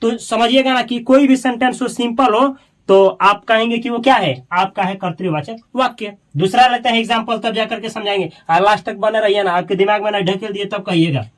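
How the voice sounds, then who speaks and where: High-voiced man teaching grammar. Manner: repeats example sentences slowly, asks and answers his own questions; coaxing, reassuring students directly. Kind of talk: coaching-class lesson.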